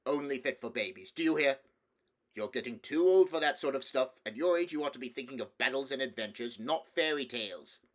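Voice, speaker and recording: A man voicing a stern, irritable middle-aged king in a storybook, brusque and condescending, given to booming commands. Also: animated, normal speed, fairly bright tone. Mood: stern, sharp.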